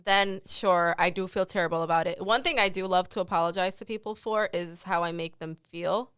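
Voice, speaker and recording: A woman on a relaxed podcast, with a clear, smooth voice and a dry, close sound. She reflects earnestly, working through her thoughts out loud with small restarts. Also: on the low side, a little fast, dry recording. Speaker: podcast co-host. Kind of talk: casual podcast chat.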